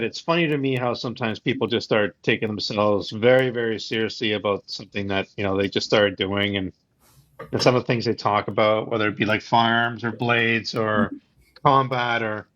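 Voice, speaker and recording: A man co-hosting a podcast in casual chat, talking haltingly with many restarts and "like"s. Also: lowish voice, fairly bright tone. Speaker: podcast co-host. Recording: dull lo-fi sound.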